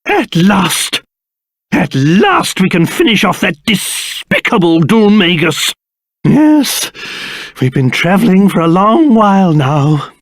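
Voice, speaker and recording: A man voicing a pompous, excitable old cursed king in a video game, with a British accent and a theatrical manner that swings between grumbling and shrill outbursts. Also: slow, no echo, studio quality, full character voice. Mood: determined, nostalgic. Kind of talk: video game character voice acting.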